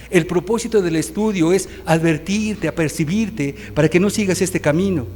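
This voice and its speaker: A man preaching a sermon in a church, his voice sitting a little high for a man. He keeps calling his listeners brothers and checks that they follow along. The sound trails off in a long church reverb. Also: a little mellow. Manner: addresses the congregation as brothers, often asks "¿sí?". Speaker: pastor. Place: church hall.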